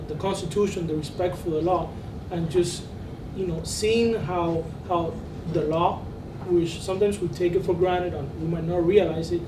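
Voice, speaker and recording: A man from Cuba, a law student, speaking sincerely on a panel and repeating words as he thinks. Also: on the high side. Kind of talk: panel discussion. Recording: roomy, distant, noisy.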